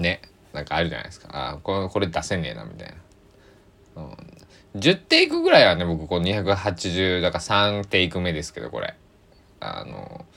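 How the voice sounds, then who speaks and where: Deep-voiced rambling man with lilt. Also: fairly bright tone. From Kochi, Japan. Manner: rambling, self-correcting, chatty. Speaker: podcast host. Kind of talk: casual solo podcast talk.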